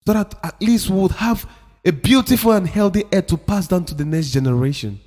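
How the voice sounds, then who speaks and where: A man's voice: high-pitched, fairly quick, darkish tone, soft background music. A man giving a motivational talk, emphatic and preachy, repeating his points for effect. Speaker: motivational speaker. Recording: long reverb of a hall.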